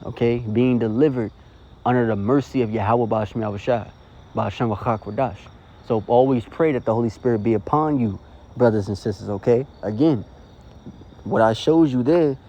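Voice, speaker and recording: A man preaches straight into a phone in an informal, earnest style, circling back and checking in with "okay?" as he goes. His voice sits at a middle pitch with a dark, mellow tone. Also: muffled recording. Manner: earnest, rambling, many "you know" and "okay?" tags. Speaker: street preacher. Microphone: phone recording.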